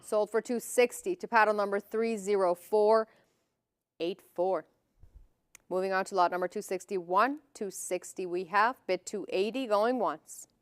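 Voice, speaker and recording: A woman's voice: mid-range voice, measured pace, clean tone, dry recording, studio quality. A woman working as an auctioneer, calling lots and bids in a formal, clipped, repetitive manner.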